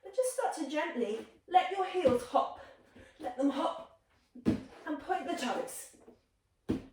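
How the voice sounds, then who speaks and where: A woman with a high voice leads a yoga flow, chatty and encouraging as she demonstrates each move. She sounds a little far from the mic in a very echoey room. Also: darkish tone. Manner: encouraging, chatty, demonstrating moves while talking. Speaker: yoga instructor. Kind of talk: guided yoga class instruction.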